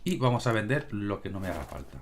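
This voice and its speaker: A man with a Spain Spanish accent streams a game from home, chatting and swearing as he goes. His voice swings up and down in pitch as he talks to his viewers, and a steady hiss of noise sits under the recording. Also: fast talker. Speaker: gaming streamer. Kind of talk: casual gameplay commentary. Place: home room with cats.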